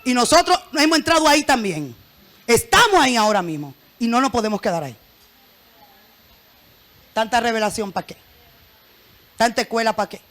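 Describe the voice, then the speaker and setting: A woman pastor preaching a sermon in church, lively and joking, often having the congregation repeat her phrases. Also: a little high, normal speed, pauses often.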